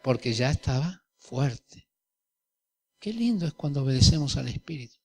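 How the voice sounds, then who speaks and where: A man's voice: medium pitch, moderate pace, husky. A middle-aged man preaching a sermon, telling personal stories and acting out the dialogue in different voices. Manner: animated storyteller, acts out dialogue in varied voices. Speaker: pastor.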